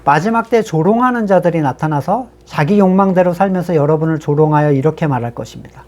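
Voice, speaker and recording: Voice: mid-range voice, expressive, quick pace, a little mellow. A pastor giving a sermon in a conversational way, reading scripture passages aloud and then explaining them with rhetorical questions to the congregation.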